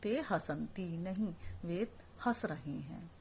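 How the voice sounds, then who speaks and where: Teaching Sanskrit online, this woman explains every word before repeating it, and she asks the class questions only to answer them herself. Her voice is on the low side and a little mellow, animated yet slow, with slight background noise.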